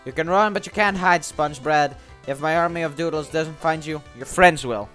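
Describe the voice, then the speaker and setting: A man's voice: on the high side, normal speed, a bit bright, faint music behind, natural voice. Man doing a theatrical, menacing little cartoon villain. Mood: smug, menacing. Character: tiny gloating male cartoon villain, grandiose scheming mastermind. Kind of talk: acted reading of cartoon game dialogue.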